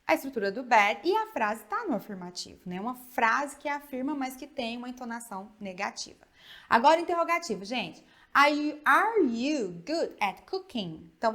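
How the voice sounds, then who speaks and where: A woman with a Brazilian Portuguese accent teaching an online English grammar lesson, slowly modeling example phrases and checking in often with her students. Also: a little high, fairly bright tone.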